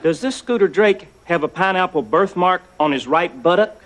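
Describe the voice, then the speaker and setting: Deadpan backwoods brother. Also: male voice, sits high, moderate pace, a loud crowd. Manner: deadpan folksy, homespun grammar. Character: folksy backwoods man, spokesman for his brothers. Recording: studio audience laughter and hiss.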